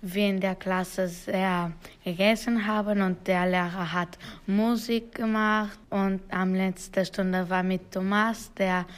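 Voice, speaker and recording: A woman student answering slowly and searching for words. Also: mid-range voice, level tone. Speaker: student interviewee.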